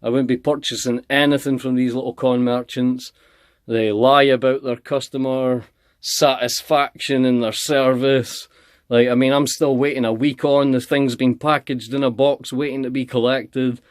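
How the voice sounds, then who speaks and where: A man's voice: mid-range voice, little pitch movement, moderate pace, dry recording, studio quality. A man ranting angrily to camera, heated and confrontational, repeating himself as he complains. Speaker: channel host. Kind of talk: angry ranting vlog.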